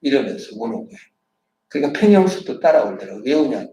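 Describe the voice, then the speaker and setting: A man preaching a Sunday sermon as pastor, animated and acting out quarrels in different voices. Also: mid-range voice, quick pace. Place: church sanctuary. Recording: roomy church sound, distant mic.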